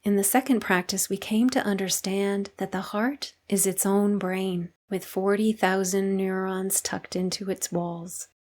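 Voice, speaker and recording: The speaker, a woman teaching meditation, leads a guided session with gentle calm. She has a mid-range voice and an unhurried, soothing manner broken by long pauses.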